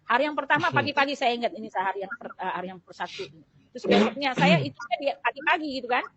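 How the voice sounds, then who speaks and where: A woman giving an animated personal faith testimony as an interview guest, acting out voices and sounds as she tells it. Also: high voice, fast talker, dull audio, noisy background.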